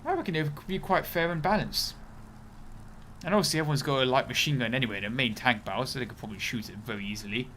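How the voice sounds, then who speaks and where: A man's voice: mid-range voice, quick pace, sharp tone, slight background noise. A young man streaming a game, rambling chattily through casual commentary and breaking off to react to the match. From United Kingdom.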